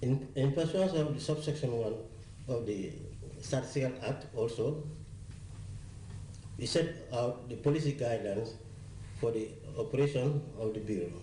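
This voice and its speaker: A man with a Gambian accent, a council chairman, making a halting statement. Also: mid-range voice, dark tone, reverberant, far from the mic, slight background noise, low-quality recording. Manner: halting, with restarts. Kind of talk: spoken statement to reporters.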